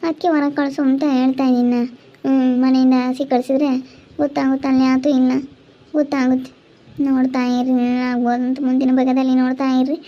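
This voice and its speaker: A woman's voice: high voice, little pitch movement, quick pace. A woman vlogger with a rural Chitradurga Kannada accent, talking in an insistent, urging and consoling way. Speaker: vlogger host. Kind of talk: casual chat and channel sign-off. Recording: dull lo-fi recording.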